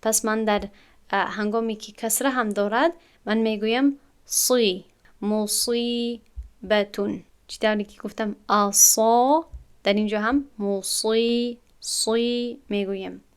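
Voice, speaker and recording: A woman's voice: a little high, steady tone, clean tone. Patient woman teaching recitation. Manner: patient, explanatory, stretches out and repeats syllables to demonstrate. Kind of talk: tajweed lesson to students.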